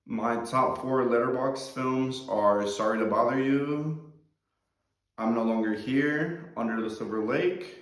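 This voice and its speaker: A man in his twenties, a film student, introducing himself in a measured way. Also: medium pitch. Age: 20s. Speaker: film student, writer-director. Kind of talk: short self-introduction to camera. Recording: roomy echo.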